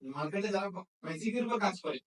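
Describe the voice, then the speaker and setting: This phone repair teacher has a high, animated voice and talks quickly during his hands-on lesson. He frequently quizzes the class to make sure they understand. The recording sounds distant and reverberant.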